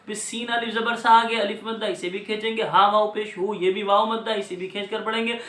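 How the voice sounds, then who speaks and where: A man teaching Quran recitation, explaining each letter and vowel step by step in a brisk, patient way. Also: sits high, steady tone, sharp tone, roomy sound. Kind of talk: spelling out recitation rules.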